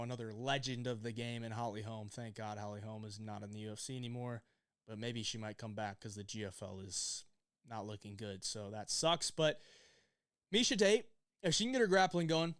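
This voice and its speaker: A man's voice: mid-range voice, clear, resonant tone, no room sound, clean studio sound. A man hosting his own channel, giving loose, opinionated fight betting picks with plenty of fillers and the odd curse. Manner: loose, opinionated, swears casually, many fillers. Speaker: UFC betting picks host. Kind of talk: casual fight predictions.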